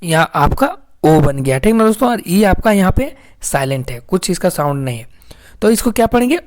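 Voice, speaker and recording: A woman's voice: lowish voice, animated, brisk, darkish tone. A woman teaching English phonics in a lesson video, repeatedly asking the viewers questions and answering them herself.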